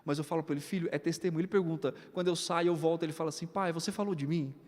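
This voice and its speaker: A Brazilian man in his thirties, a pastor preaching a sermon, telling family stories and acting out their dialogue in a lively way. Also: a little high, racing. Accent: Brazilian Portuguese. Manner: animated storytelling, acts out family dialogue. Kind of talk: sermon with personal anecdotes. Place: church sanctuary, indoors. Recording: long reverb of a church hall.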